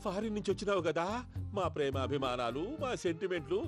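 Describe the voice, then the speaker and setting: An actor playing a fussy, quick-tempered old grandfather in a comic film scene. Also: a little high, close to an everyday voice. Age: older. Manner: excitable, lively, fast comic film delivery. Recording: film soundtrack with loud music.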